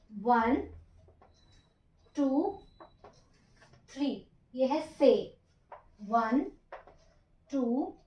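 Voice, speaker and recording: A woman walks through a writing lesson stroke by stroke, counting each one aloud and repeating each step patiently. Her voice sits high and unhurried. The recording is dull and echoey, like a small home room. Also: a little mellow. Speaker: Japanese teacher.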